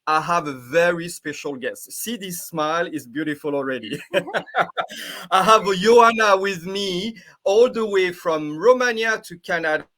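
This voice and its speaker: Excitable French-speaking male host. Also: high-pitched, a little slow, slight background noise. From France. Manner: enthusiastic, excitable. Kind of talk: live online interview.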